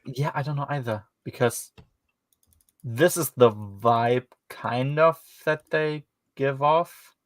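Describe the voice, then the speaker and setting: A man with a German accent chats loosely about a book, rambling and wry and full of fillers. His voice sits at an ordinary middle pitch. The sound is close and dry, with no room around it. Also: slow, no echo. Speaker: podcast host. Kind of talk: casual book discussion.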